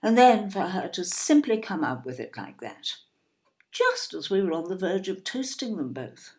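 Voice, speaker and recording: Lightly acted, a woman's audio-play performance presents an indignant older English mother, snobbish, fussy, and emphatic, with an English accent and an air of aggrieved disbelief. She's repetitive and fond of tag questions. Her medium-pitched voice is a little mellow and sing-song, at a moderate pace.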